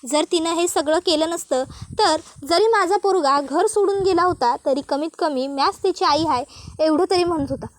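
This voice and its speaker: Brief: woman voicing a defiant older village matriarch, high-pitched, scolding rustic speech. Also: moderate pace, no echo. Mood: bitter.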